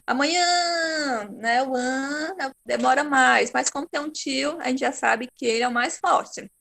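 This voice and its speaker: A woman's voice: high voice, normal speed, vocal fry, fairly bright tone. A Brazilian woman teaching an online class, patient and encouraging, praising her pupils by name. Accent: Brazilian Portuguese.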